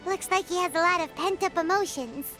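A squeaky little fairy companion. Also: female voice, fairly quick. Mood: chirpy. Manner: chirpy, exclamatory. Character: tiny childlike female fairy companion, chirpy. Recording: game cutscene with loud music.

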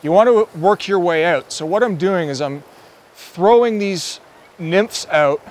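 Excitable fishing-show host, man, outdoors. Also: sits high, a little slow. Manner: exclaims often, laughs, gives tips while fishing. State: out of breath at times. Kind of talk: excited on-the-water fishing commentary. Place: outdoors on a river.

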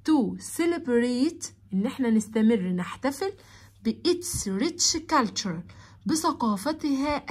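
A young woman with an Egyptian Arabic accent teaching children English, reading English words slowly and explaining quickly in Arabic. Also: on the high side, husky. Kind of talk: classroom lesson explaining English grammar.

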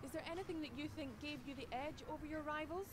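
A woman plays a brisk Scottish interviewer in a racing game who fires quick, upbeat questions at a driver after the session. Her voice sits high and moves fast. Engine noise from the game runs underneath. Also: natural voice. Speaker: post-race interviewer.

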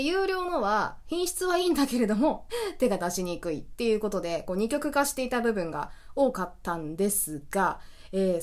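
A woman hosting a casual solo web radio chat, explaining things in a chatty way with frequent laughs, on a home studio mic. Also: mid-range voice.

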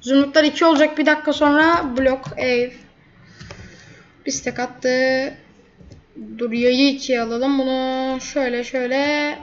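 Woman gamer, high voice, running play-by-play commentary, quick to vent; dull lo-fi recording. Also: steady tone. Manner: chatty, blurts out frustration at opponents. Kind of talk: live gameplay commentary. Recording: dull lo-fi mic.

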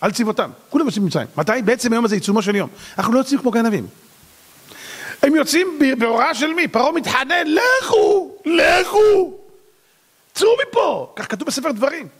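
A rabbi giving a Torah lesson to a congregation, telling the story with slangy asides, acting out the quotes and now and then breaking into shouts. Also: male voice, very high-pitched, animated, breathy edge. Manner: bursts into shouts.

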